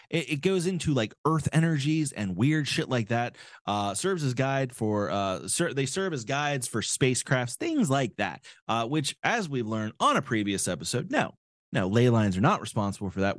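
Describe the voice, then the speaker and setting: A man's voice: mid-range voice, no echo, studio quality. A man hosting a podcast, delivering casual comedic commentary as a profane, sarcastic rant. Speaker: podcast host.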